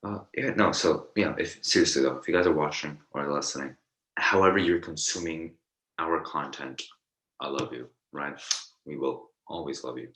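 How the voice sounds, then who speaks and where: A young man with an exceptionally deep voice hosts a casual podcast with a friend. He rambles, stumbles over restarts and leans on fillers as he talks. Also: normal speed, a bit bright, rough recording. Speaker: podcast co-host.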